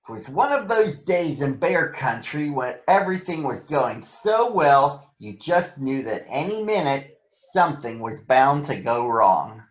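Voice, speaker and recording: This clip features a man narrating a children's story in a careful, expressive style, his voice sitting at medium pitch. Audio quality is dull and lo-fi, and the room echoes.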